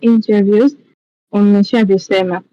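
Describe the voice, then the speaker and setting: A woman's voice: mid-range voice, fairly even intonation, normal speed, mellow, dry recording, muffled recording. A woman with a Tanzanian accent, a scholarship mentor giving encouraging seminar advice over a video call. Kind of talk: seminar talk mixing English and Swahili.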